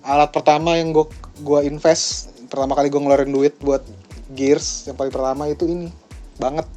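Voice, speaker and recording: A young man, a music producer chatting casually about his home studio, relaxed and slangy with frequent laughter. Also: on the high side, normal speed. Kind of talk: casual studio-tour chat.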